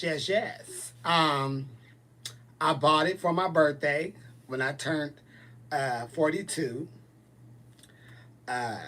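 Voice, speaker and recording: This man in his forties hosts a relaxed livestream, chatting and replying to viewer comments with bluntness and sass. His voice is medium in pitch, with a fairly bright tone.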